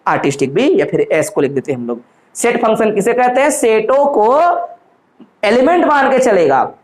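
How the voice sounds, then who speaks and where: A man's voice: high-pitched, big pitch swings, normal speed. A man lecturing on university mathematics, constantly posing questions to his students and answering them himself, calling them children. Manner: addresses listeners fondly as children. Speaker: math lecturer. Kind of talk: classroom lecture in Hindi mixed with English terms.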